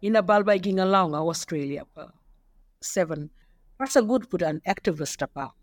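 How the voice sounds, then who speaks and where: A man narrating an explainer, reading quotes and numbered points in a steady, measured way. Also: sits high, no room sound, clean studio sound. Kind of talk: read-aloud explainer narration.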